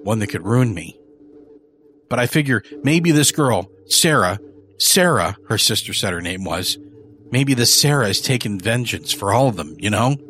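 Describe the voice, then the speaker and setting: A ruthless, wealthy killer pours out a paranoid, rambling confession, his voice pushed higher and louder than the storyteller's own, as a man narrating puts him on. He sounds shaken and agitated in a spoken horror tale. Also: lively intonation, moderate pace, slight background noise.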